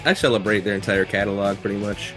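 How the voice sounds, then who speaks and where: A man's voice: lowish voice, fairly even intonation, quick pace, over music. A man guesting on a podcast, talking about a band in an enthusiastic, rambling way. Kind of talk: casual chat about music.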